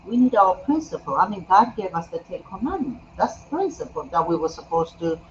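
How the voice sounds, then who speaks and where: A man from Ethiopia hosts an interview, speaking earnestly and often affirming his guest. His voice sits a little high. The recording is slightly muffled, with a faint hum behind. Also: very animated, brisk. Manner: earnest, frequent affirming "yeah". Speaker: host.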